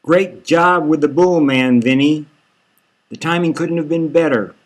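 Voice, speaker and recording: A man's voice: a little high, a little slow, lightly acted. A man reading a novel aloud, voicing a bossy woman who gives curt orders and brushes others off. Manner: curt and commanding. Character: bossy dismissive woman handler.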